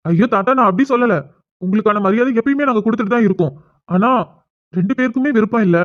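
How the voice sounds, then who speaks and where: A woman's voice: fairly high pitch, fast, lightly acted. A woman voicing a stubborn young husband and grandson in a cartoon drama, protesting insistently. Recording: dull lo-fi.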